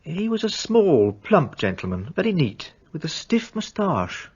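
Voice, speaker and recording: A polite hotel clerk. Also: male voice, a little high, huge pitch swings, a little slow, a little mellow, husky, muffled recording, exaggerated voice. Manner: courteous, careful. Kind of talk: radio play acting.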